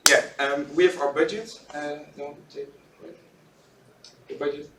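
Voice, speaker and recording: An eighteen-year-old man presents a student project and keeps losing his thread, filling gaps with fillers. He is heard from afar in an echoey room with clear background noise. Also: on the high side, unhurried, recorded from a distance. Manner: flustered, many fillers and restarts.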